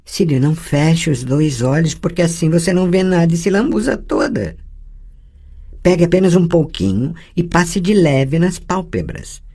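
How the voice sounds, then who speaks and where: A reader putting on a calm, teasing sorceress from an audiobook, speaking softly and a little lower than usual. Her pitch swings in a lively way as she corrects her young pupil with patience. The feel is a gentle storybook scene. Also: moderate pace. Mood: tender. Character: patient adult sorceress woman, teasing teacher. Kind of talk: audiobook dialogue reading.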